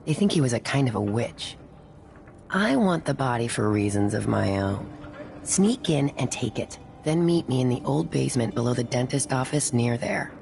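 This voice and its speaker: Casting: shady gang woman for a game, very low and creaky, blunt, conniving, music underneath. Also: animated, moderate pace, a little mellow, exaggerated voice. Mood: sly, bargaining. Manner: blunt, sly. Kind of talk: video game character dialogue.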